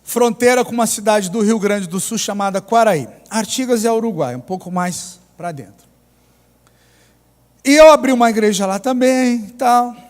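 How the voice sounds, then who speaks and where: A pastor with a Mineiro accent, telling a story in a sermon with ironic humor. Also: male voice, high voice, normal speed. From Minas Gerais, Brazil. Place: church. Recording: reverberant church hall.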